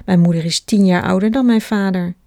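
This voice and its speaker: A woman's voice: medium pitch, fairly quick, warm tone, dry recording, natural voice. A woman doing a blunt, cheeky girl.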